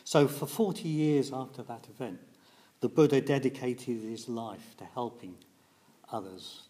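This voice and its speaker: Unhurried and mellow, with a medium-pitched voice, a man teaching Buddhism offers a reflective dharma talk. He speaks thoughtfully and hesitantly, filling his pauses often.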